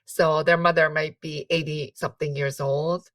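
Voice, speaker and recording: A middle-aged woman, a mother of grown children, talking as a podcast guest in an animated, chatty way with bursts of laughter. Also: low-pitched, dry recording, recorded from a distance. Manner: animated, quick bursts, frequent laughter and "you know". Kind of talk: casual conversation.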